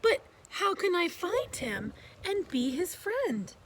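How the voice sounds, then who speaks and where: A woman's voice: extremely high pitch, big pitch swings, slow, background noise, voice pushed up, full character voice. A woman voicing an earnest, plaintive young male beaver who longs for friends in a children's storybook. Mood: puzzled, plaintive. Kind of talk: children's storybook read-aloud.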